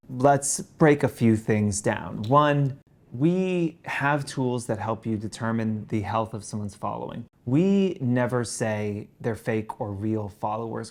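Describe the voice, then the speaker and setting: A man's voice: medium pitch, darkish tone. A man hosting a solo talk show and answering questions point by point, his speech slightly impeded by missing back teeth and stitches. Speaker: podcast host.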